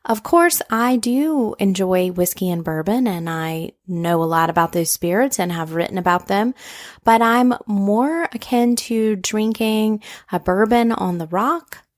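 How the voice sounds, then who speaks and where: A woman's voice: mid-range voice, animated, unhurried. A woman with a Southern American accent hosting a podcast, chatting casually with a guest and reading her show intro. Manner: friendly, chatty, laughs easily. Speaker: podcast host.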